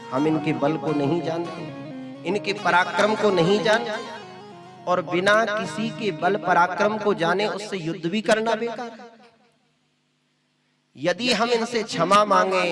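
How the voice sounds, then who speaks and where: A man giving a devotional scripture discourse, acting out the voices in his story with lively swings in pitch. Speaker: religious storyteller. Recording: live discourse with instrumental music behind. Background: instrumental music.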